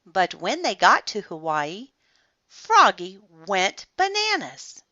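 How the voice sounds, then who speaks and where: A woman reading a bedtime picture book aloud, taking her time over every line with a very unhurried pace. Her bright voice swings up and down with plenty of expression. The recording is dry and slightly muffled. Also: mid-range voice, wildly swooping pitch, dry recording. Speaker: storyteller. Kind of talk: bedtime story read-aloud.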